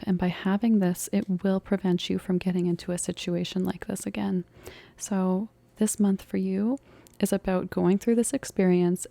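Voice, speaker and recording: A woman in whispered role-play as a tarot reader, speaking close to the mic in a soft, comforting way that often drops into an unvoiced whisper. Her tired voice is gravelly and mellow, with some cracking. The room is dry and close. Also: medium pitch, no echo.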